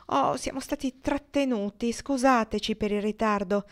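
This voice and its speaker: A woman reading the lines of a sharp, dismissive woman in an audiobook. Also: on the high side, moderate pace, pitched above the performer's own voice, close to an everyday voice. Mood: tart. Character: elegant, quick-tempered woman.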